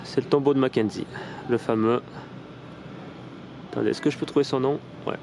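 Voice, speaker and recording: A man with a French accent hosts a casual vlog, talking in a rambling, self-correcting way and going slow and polite whenever he addresses the spirits. His voice sits at an ordinary middle pitch. He records on a phone outdoors, with faint city ambience behind him. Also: fairly even intonation, creaky, noisy background. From France. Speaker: paranormal investigator vlogger.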